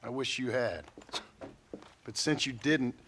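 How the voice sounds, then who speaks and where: An actor playing a gruff, defiant Western gunslinger in a video game, blunt and forceful. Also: male voice, mid-range voice, animated, takes it slowly, a little hiss or hum. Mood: bitter, demanding.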